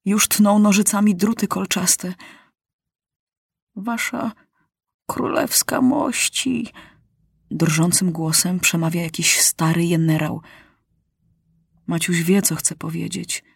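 A woman narrating an audiobook, her voice somewhat low and husky. She reads very slowly and deliberately, letting dramatic pauses hang between phrases. The sound is dry and close, with no room around it. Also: flat delivery, no room sound. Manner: slow, measured, dramatic pauses.

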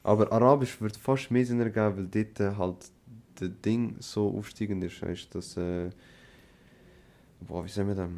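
Young man with a low, gravelly voice. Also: fairly even intonation, moderate pace, darkish tone. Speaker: podcast co-host. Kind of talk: casual chat.

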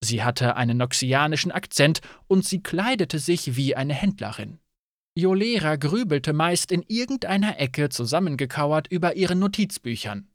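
A man reading a fantasy audiobook as narrator in an expressive, scripted style. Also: fairly high pitch, moderate pace, no room sound, studio quality.

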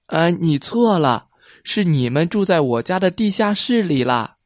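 Guy putting on a whiny little witch girl, high and teary, storybook voice. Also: very animated, unhurried, no echo, studio quality. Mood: correcting. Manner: whiny and fretful.

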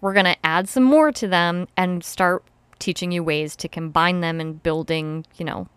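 A woman's voice: lowish voice, normal speed, clean tone, no room sound. A woman hosting a casual podcast who teaches rope classes, explaining step by step and laughing easily. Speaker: podcast host and rope bondage instructor.

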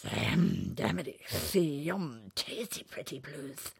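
A woman voicing a big, gentle male creature with a beak who talks in odd, muddled grammar, loud and drawn-out. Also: low-pitched, expressive, creaky, slightly rough, no room sound, studio quality, full character voice. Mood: dreamy.

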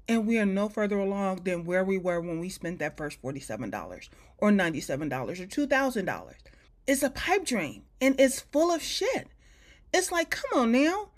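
A woman with a slow drawl, talking casually as a podcast host in a folksy, blunt, emphatic and freely swearing way. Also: mid-range voice. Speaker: podcast host, brand strategist. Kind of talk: casual solo podcast talk.

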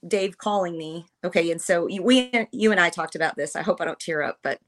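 A woman in her fifties, a military veteran guest on a podcast, telling personal stories in an earnest, emotional, halting way. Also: lowish voice, a bit bright. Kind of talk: personal storytelling in conversation.

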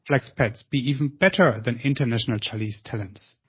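A man hosts a podcast interview and presses his guest with probing questions. His voice has a raspy, husky edge. The audio is muffled and lo-fi. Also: medium pitch, a little fast. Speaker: podcast host.

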